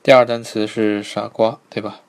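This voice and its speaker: A man teaching a live online pronunciation lesson, patiently repeating each sound slowly and checking in with his students. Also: lowish voice, level tone. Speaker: Korean language teacher.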